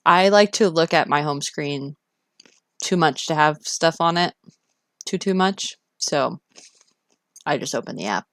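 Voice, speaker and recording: Woman, Canadian accent, low register, slow-paced, casual streamer chat, expressive, self-interrupting. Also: dry recording, studio quality. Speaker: live streamer.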